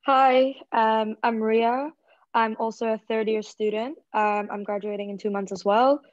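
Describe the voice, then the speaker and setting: A woman's voice: a little high, fairly even intonation, unhurried, no echo. Woman, 21, from Singapore, casual student presenter, chatty filler-heavy talk, dry muffled call audio. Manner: chatty, lots of likes and ums. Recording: dull, lo-fi video call audio.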